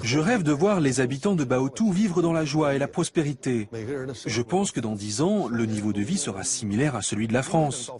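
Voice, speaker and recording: A man's voice: mid-range voice, lively intonation, normal speed. A man speaking as a local official, giving a proud, boosterish promotional speech. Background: crowd.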